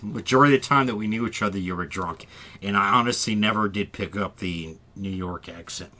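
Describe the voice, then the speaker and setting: Stammering bright-voiced Midwestern man. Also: on the low side. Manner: halting, stammering restarts, laughs easily. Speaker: podcast co-host. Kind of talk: casual chat.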